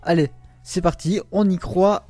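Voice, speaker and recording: A man with a slightly high voice gives casual, excitable commentary on a video game. He talks straight to his viewers, groaning and pleading out loud whenever the luck turns against him. Faint game music plays underneath. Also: unhurried, dry recording. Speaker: gaming YouTuber.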